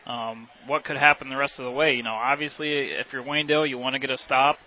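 A man's voice: medium pitch, steady tone, fast talker. American color commentator man over background noise. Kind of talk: unscripted sports analysis. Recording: dull broadcast with clear outdoor noise.

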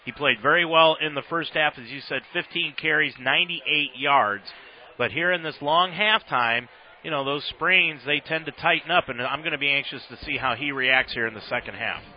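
An American football radio host calls the plays at a normal speed, his voice a little high and his style that of a sportscaster. The broadcast audio is slightly dull.

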